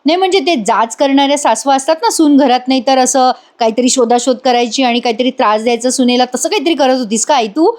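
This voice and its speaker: A woman's voice: high voice, quick pace, few pauses, darkish tone. A young woman narrating a chatty voice-over recap of a TV serial episode, with asides to viewers. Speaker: TV serial reviewer.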